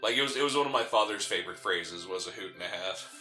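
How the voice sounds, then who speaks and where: This let's play co-host speaks quickly in a low, expressive voice that's bright and forceful. He chats casually about the game, teasing and joking with his partner. He comes from a city but has mountain family roots, and faint game music plays behind a roomy echo.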